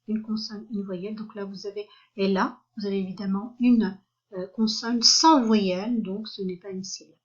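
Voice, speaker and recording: Slow, careful woman teaching French. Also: mid-range voice, lo-fi sound. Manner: slow and careful, spelling out syllables with many hesitations. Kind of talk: online language lesson.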